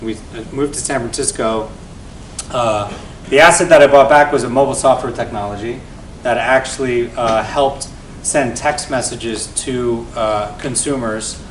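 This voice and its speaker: A man in his forties, a venture investor and guest speaker, telling his founder story to an event audience in an energetic, conversational way that often tags points with "right?". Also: unhurried. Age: 40s. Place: event venue before an audience. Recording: roomy, distant mic with faint rumble.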